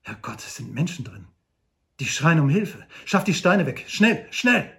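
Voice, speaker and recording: A man's voice: on the high side, normal speed, natural voice. A man voicing a great hunter who speaks firmly and with command in an audiobook. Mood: urgent. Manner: firm, commanding. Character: great commanding male hunter, calm and firm.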